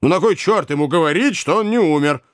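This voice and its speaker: A man voicing a blunt, gruff older country host who speaks brusquely. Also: medium pitch, big pitch swings, dry recording, clean studio sound, natural voice. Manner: brusque, quick.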